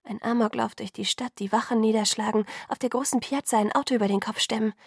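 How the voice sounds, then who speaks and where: A woman doing a hushed, urgent young woman. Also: on the high side, fairly even intonation, fast talker, creaky, breathy edge, no echo, studio quality. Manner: urgent, often hushed to a whisper. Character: anxious young woman pleading in hushed tones.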